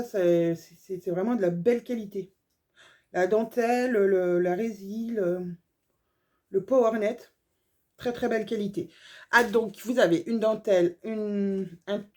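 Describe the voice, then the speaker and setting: A woman's voice: medium pitch, dark tone. A woman sewing vlogger chatting casually through a haul video, gushing over small details with lots of fillers.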